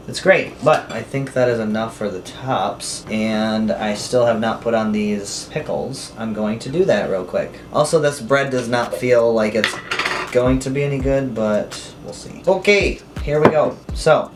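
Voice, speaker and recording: Chatty man reviewing food, noisy recording. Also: medium pitch. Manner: informal, self-talking, asks himself questions. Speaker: host of a food review video. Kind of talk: casual chatty product review to camera. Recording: clearly noisy home recording.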